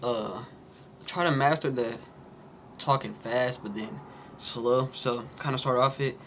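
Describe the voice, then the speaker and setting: A man's voice: medium pitch, fairly even intonation, takes it slowly, a bit bright, slight background noise. A young man rehearsing a vlog script aloud at home. He is slightly out of breath, thinks aloud and restarts his lines. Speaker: content creator.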